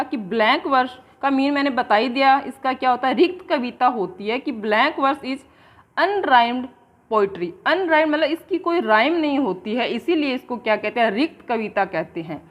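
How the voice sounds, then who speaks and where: A woman teacher, giving an exam-prep lecture and slowly dictating definitions, then explaining them in Hindi. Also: sits high, muffled recording.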